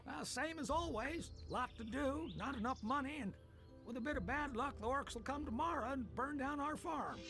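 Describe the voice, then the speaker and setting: An actor playing a suspicious, grumbling middle-aged farmer in a video game, with an exaggerated rural drawl. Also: male voice, extremely high pitch, normal speed, creaky, over music. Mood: weary.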